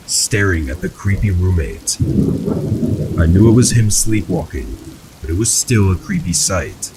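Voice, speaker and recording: A man narrating first-person horror stories in a calm, even, scripted storytelling manner. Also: sits low, noisy background. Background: rain sounds.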